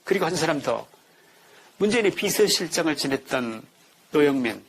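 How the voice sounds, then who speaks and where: A man's voice: on the high side, lively intonation, normal speed, breathy edge. A man giving scripted political commentary in an indignant tone, building his points through rhetorical questions.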